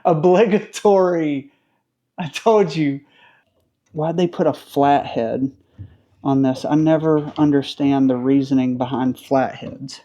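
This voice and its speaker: A man in his thirties with a Southern accent, a car restoration vlogger, works on a truck in his home garage while chatting casually and making jokes about himself. His medium-pitched voice is warm and steady, his delivery unhurried, and the highs are cut off.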